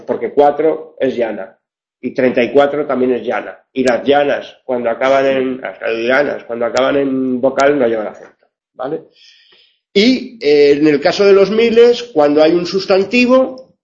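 A man with a mid-range, darkish voice gives a classroom lecture on Spanish grammar, explaining things step by step with many fillers and check-ins and correcting himself as he goes. The classroom recording is dull and lo-fi.

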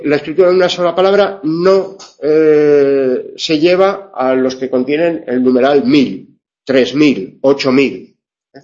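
A man's voice: fairly high pitch, a little mellow. Man lecturing in a classroom, lo-fi. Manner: explanatory, full of fillers and rhetorical checks; self-correcting. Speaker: teacher. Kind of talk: classroom lecture on Spanish grammar. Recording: dull lo-fi classroom recording.

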